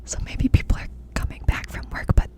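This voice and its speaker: A woman whispering breathily and close to the mic in an intimate, confiding ASMR chat, often repeating phrases. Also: fairly quick. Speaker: ASMR creator. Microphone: close mic with cupped whispering.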